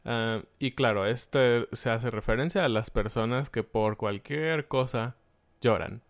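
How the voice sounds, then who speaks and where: A Mexican man co-teaching a relaxed Spanish lesson, talking to the audience in an easy conversational way and asking them questions. His pitch is mid-range for a man. The sound is dry and close. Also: unhurried, no room sound. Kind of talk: casual language lesson.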